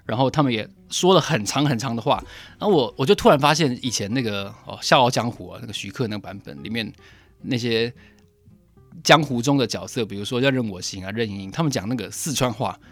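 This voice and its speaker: Male journalist-host with a gravelly voice, mid-range pitch, telling a story in an animated way. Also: quick pace, soft background music. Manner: lively, animated retelling with acted-out dialogue. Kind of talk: solo podcast storytelling.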